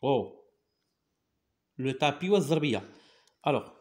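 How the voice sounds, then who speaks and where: A man's voice: medium pitch, animated, takes it slowly, a little mellow. A man with a Moroccan accent teaching a reading lesson, patiently spelling out letters and sounds and switching into Moroccan Arabic to explain.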